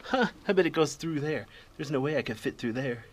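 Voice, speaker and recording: A man's voice: on the high side, animated, brisk, background noise. Breathless man murmuring through a cave. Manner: soft-spoken, muttering asides to the camera. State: a little out of breath. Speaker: cave explorer filming himself. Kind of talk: casual exploring narration. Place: inside a lava tube cave. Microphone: handheld camera.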